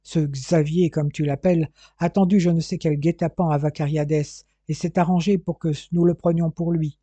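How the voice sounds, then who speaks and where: A man reading an audiobook, voicing a bitter, scornful older male gem dealer who talks sarcastically and forcefully. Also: fairly high pitch, steady tone, moderate pace, dry recording, lo-fi sound, close to an everyday voice.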